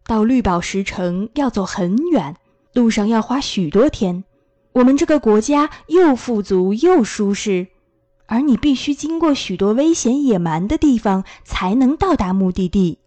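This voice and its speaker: A woman's voice: fairly high pitch, expressive, warm tone, dry recording. A woman reading a storybook aloud and voicing a serious, cautious grown-up man from a village. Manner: serious and measured.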